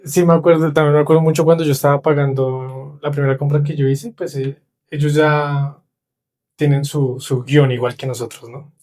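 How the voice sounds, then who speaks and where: A young Colombian man with a Colombian Spanish accent, a podcast guest telling stories in casual chat, animated and acting out the voices of people he met. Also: fairly high pitch, moderate pace. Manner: animated, acts out quoted voices. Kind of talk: casual storytelling.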